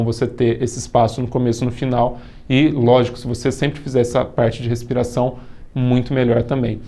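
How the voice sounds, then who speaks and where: A young man with a Brazilian Portuguese accent teaches a video course, explaining things casually step by step and restarting his sentences now and then. His voice is medium-pitched and darkish, with vocal fry.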